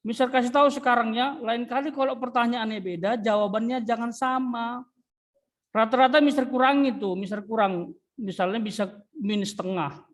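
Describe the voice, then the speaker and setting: A man's voice: extremely high pitch, steady tone, normal speed. A man teaching a religion class, scolding students in an exasperated way and dropping English interjections. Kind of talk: classroom lecture.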